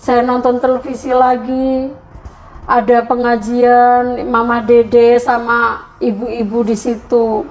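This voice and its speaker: A woman's voice: fairly high pitch, little pitch movement, slow, a little mellow, rough recording. A middle-aged woman from Central Java telling her conversion story in an interview, turning tearful and pleading when she recalls her prayers. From Central Java, Indonesia. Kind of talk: emotional personal testimony.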